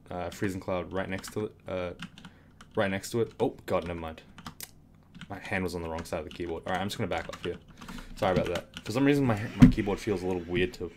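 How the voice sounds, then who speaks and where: A man with a low, slightly raspy voice gives casual commentary on a game tutorial, rambling with fillers and restarts. Keyboard clicks sound behind him, and the background is noisy.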